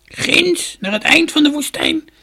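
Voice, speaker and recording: A man voicing a crooked, cackling old woman from a children's story, with a creaky voice and a sly, drawn-out way of speaking. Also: very high-pitched, animated, bright, forceful tone, voice pushed up, exaggerated voice.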